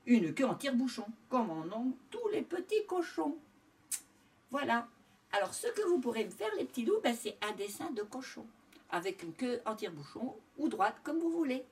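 A woman reading a storybook aloud to young children, expressive and sing-song. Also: a little high, normal speed, distant mic.

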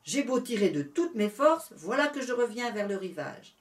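A woman's voice: fairly high pitch, very animated, normal speed, reverberant, distant mic. A woman voicing a mighty, proud female whale in a storybook reading, haughty and stiffly dignified. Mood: puzzled.

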